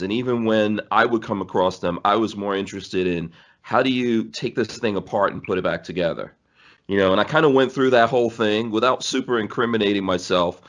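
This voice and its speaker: He has a lowish, fairly bright voice. A forties-aged podcast guest born in Guyana and raised in New York City, he rambles through his stories in a casual interview, laughing frequently and starting over mid-thought.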